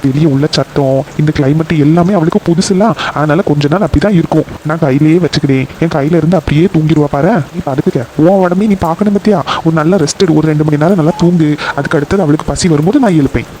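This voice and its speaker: A voice actor as a gentle, caring cartoon dad. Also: medium pitch, fast, slight background noise, close to an everyday voice. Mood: tender. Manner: calm and reassuring. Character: gentle, caring young father. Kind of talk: cartoon voice acting.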